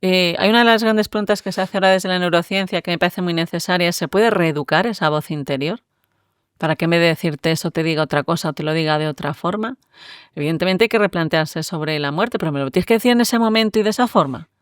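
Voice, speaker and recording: Thoughtful woman explaining calmly. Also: lowish voice, quick pace, clear, resonant tone, dry recording, studio quality. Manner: reflective, explanatory, frequent tag questions. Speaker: neuroscientist guest. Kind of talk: conversational interview.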